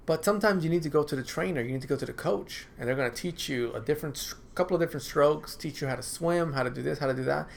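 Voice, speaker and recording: A counselor talks informally to camera from his office, his voice a little high and fast with vocal fry and hardly any pauses. He keeps repeating phrases and tacking on "right?", clearing his dry throat now and then. There's slight background noise.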